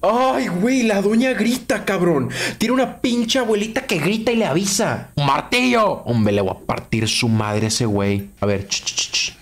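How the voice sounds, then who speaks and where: Excitable Mexican gaming streamer, shrieking. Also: male voice, on the high side, normal speed, hardly any pauses. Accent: Mexican Spanish. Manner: excitable, swears a lot, shrieks when scared. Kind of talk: let's play commentary.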